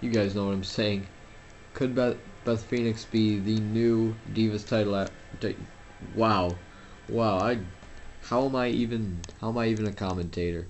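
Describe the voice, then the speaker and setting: This gameplay commentator is a young man talking through a wrestling game at home, casual and rambling, self-deprecating, with many fillers and restarts. He speaks at normal speed in a low, steady, slightly mellow voice. The audio sounds dull, with slight background noise.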